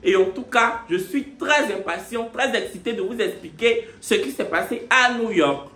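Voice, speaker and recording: A man's voice: sits high, roomy sound. A man in his twenties talking animatedly in a casual storytime vlog. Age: 20s. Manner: animated, switches between French and slow deliberate English. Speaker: vlogger.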